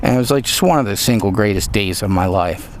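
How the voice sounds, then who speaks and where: A man in his fifties from the US East Coast telling nostalgic, rambling stories in a casual motovlog, speaking from inside a helmet while riding. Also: fairly low pitch. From United States, East Coast. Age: 50s. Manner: rambling, nostalgic storyteller with dramatic pauses. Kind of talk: casual storytelling vlog. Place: outdoors, riding a motorcycle. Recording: clear engine and road noise.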